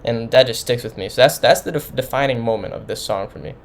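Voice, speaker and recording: A man in the middle of his pitch range talks through an album review in a loose, casual way. He rambles and often restarts his sentences. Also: fast talker, creaky. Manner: rambling, informal, many restarts. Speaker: music reviewer.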